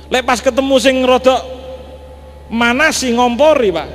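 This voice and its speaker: A man with an East Javanese accent preaching a storytelling sermon in a large mosque, lively and joking, often addressing the audience directly. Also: very high-pitched, unhurried. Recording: echoey mosque hall, faint hum.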